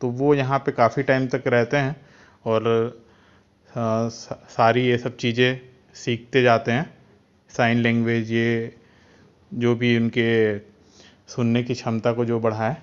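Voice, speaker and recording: Flat-voiced man retelling a film plot. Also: medium pitch, clear, resonant tone. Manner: unhurried, halting retelling. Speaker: film channel host. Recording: dull lo-fi recording.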